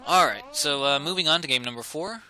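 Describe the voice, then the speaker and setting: A man commentating a strategy video game, talking through the action casually and getting excited and laughing at big plays. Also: a little high, brisk, poor audio. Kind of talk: esports play-by-play commentary.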